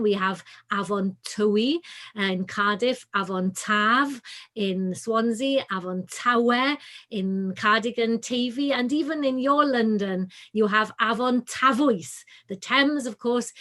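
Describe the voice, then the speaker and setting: A woman with a Welsh accent speaks in a fairly high voice. She lectures informally over a video call, explaining things conversationally and dropping in Welsh phrases. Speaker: guest speaker, professor.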